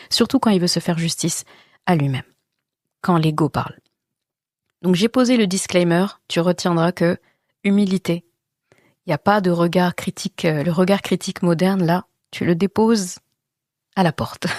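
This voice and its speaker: A woman podcast host with a fairly low, slightly mellow voice gives a religious teaching talk, earnest and reassuring as she addresses the listener directly. The studio-quality audio has no room sound.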